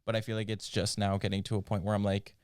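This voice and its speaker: Young guy cohost, smooth voice, dry sound, lots of likes and ums, reassuring. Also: lowish voice, monotone, fast, dry recording. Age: 20s. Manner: chatty, lots of fillers, gently reassuring. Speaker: podcast co-host. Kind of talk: casual chat.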